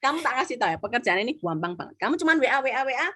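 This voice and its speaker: A woman's voice: high voice, racing. A middle-aged woman, an insurance agency leader giving a motivational sharing talk, acting out quotes and mixing in English words. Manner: lively storyteller, acts out quotes, mixes in English.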